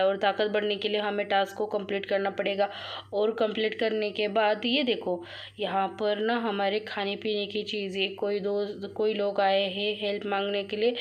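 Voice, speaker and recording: The sound is lo-fi as a woman with a mid-range voice plays a mobile game and comments on it live for her gaming channel. She is chatty and excitable, speaks to viewers as friends, and frequently cries out and repeats herself when things go badly.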